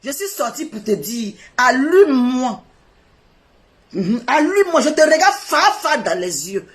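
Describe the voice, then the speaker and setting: A middle-aged woman, seated indoors, delivering an emotional and defiant monologue, swinging from loud outbursts to quiet mutters. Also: on the high side, big pitch swings, measured pace. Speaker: online personality addressing a rival. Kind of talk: emotional live video monologue.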